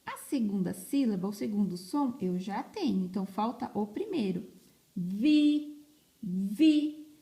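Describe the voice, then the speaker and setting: A woman, a teacher giving an early literacy lesson to children, stretching words slowly and repeating each syllable with emphasis, recorded on a phone. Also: medium pitch, big pitch swings, gravelly, dark tone.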